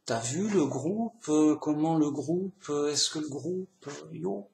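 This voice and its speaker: A man giving an informal sermon, emphatic and repetitive, sometimes acting out an angry or calmed-down person. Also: on the high side, slow pace, gravelly, roomy sound, slight background noise. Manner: acts out angry and calm speakers, emphatic lists. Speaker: lay preacher.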